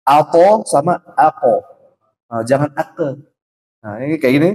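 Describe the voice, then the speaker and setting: A man teaching a Quran recitation class in a mosque, repeating letter sounds slowly to show how they are said. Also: a little high, animated, a little mellow. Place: mosque study session.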